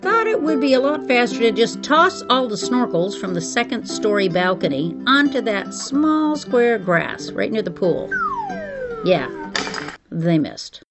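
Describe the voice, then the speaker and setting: A woman's voice: fairly high pitch, very animated, measured pace, over music. A middle-aged woman hosting a podcast, telling a scripted personal story. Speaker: podcast host.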